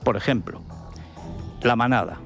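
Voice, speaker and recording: A man's voice: mid-range voice, measured pace, fairly bright tone, soft background music. A man hosting a radio opinion show, talking in a scornful, combative way with lots of rhetorical questions. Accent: Spain Spanish. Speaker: radio host. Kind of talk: opinion monologue.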